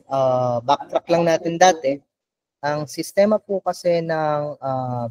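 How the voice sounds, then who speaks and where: A man's voice: medium pitch, a little mellow, no echo, low-quality recording. Filipino man presenting a tech workshop. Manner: explanatory, frequent fillers and "no?" check-ins. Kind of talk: live tech presentation in Taglish. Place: event venue with live audience.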